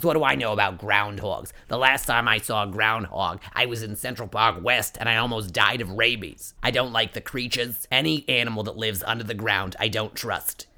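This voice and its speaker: A man's voice: fairly low pitch, pushed and bright. A man voicing a cranky older woman who answers listener questions, indignant and sarcastic. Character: cranky New York older woman advice columnist.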